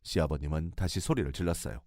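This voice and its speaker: A man's voice: a bass voice, fast talker, a little mellow, dry recording, studio quality. A man narrating a radio drama story in the first person, with dramatic storytelling.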